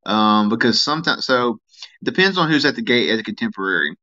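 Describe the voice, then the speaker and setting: Speaking quickly in a mid-range voice with the highs cut off, a sleepy man yawns through a casual live stream. He rambles easily and responds to viewers' chat comments.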